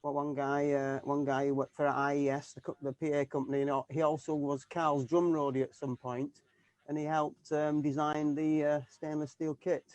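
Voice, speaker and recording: A man's voice: a little high, level tone, moderate pace, a little mellow, no echo. A man from the UK, a keyboard player in a tribute band, chatting casually in an interview and stumbling through many restarts and fillers.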